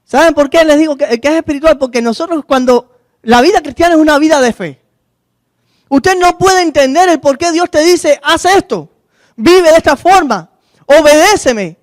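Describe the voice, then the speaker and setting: A man's voice: very high voice, fairly quick, no echo, clean studio sound. A male pastor giving a sermon, asking the congregation questions and acting out the voices in the Bible story. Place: church.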